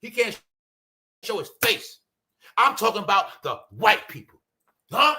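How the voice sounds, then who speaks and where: Heated and profane, a Brooklyn livestream host keeps calling out to his audience with "y'all" and "bro." His high voice is sing-song and sharp, a little slow, with slight background noise.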